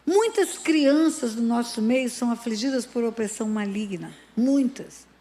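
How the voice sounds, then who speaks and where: A woman's voice: a little high, lively intonation, normal speed, mellow. A woman pastor giving an emphatic sermon full of dramatic stories. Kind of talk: sermon with storytelling.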